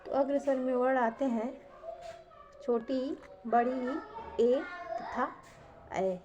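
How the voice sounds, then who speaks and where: प्रश्न पूछकर खुद उत्तर देती शिक्षिका. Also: female voice, high-pitched, fairly even intonation, takes it slowly, muffled recording, noisy background. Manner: asks a question and answers it herself, repeats key terms. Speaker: teacher. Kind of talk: exam-prep grammar lesson.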